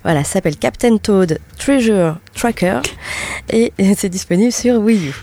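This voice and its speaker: A woman's voice: mid-range voice, moderate pace, warm tone. A woman hosting a radio show in a studio, chatting casually, laughing often and using many fillers.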